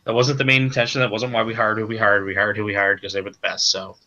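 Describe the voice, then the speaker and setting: A man being interviewed as a comic creator, talking in a halting way with many repeated words and restarts. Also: fairly low pitch, flat delivery, pushed and bright, lo-fi sound. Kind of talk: casual stream interview.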